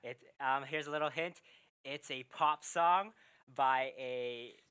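Bright-toned cheerful young man co-hosting. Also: mid-range voice, takes it slowly, smooth, no room sound. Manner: cheerful, jokey, breaks into laughs. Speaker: science show co-host. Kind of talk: playful live-stream chat.

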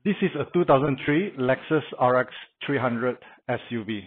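In a casual how-to walkthrough, a middle-aged man explains his car camping setup plainly, leaning on frequent "uh" fillers. He speaks in a mid-range voice at normal speed, with a slight hiss or hum in the background. He's in an outdoor carport beside a house, and the recording is dry and narrow like a phone's.

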